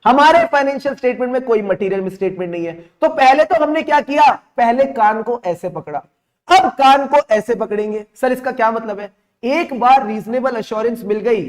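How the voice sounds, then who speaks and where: A young male teacher with a strikingly high voice leads a live online revision class. He speaks with lively energy, repeating each point and slipping English terms into his sentences. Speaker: CA exam teacher.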